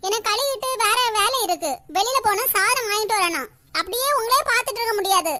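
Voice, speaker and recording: A woman's voice: very high voice, fast talker, pushed and bright. Fussy scolding old granny, voiced by a woman. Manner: scolding, nagging, complaining about chores. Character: nagging old grandmother, short-tempered, fussy. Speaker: voice actor for a homemade cartoon. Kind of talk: comic cartoon voice acting.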